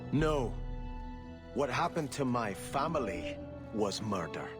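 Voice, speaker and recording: A man's voice: medium pitch, sing-song, takes it slowly. A man playing a vengeful young prince who speaks in stern, solemn declarations, with music behind. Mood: grim, resolute.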